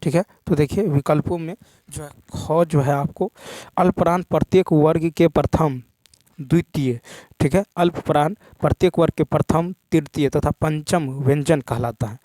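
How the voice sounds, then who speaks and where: A man's voice: a little high, moderate pace, mellow, dry recording. Man teaching an exam-prep lesson. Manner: repetitive, says "thik hai" often.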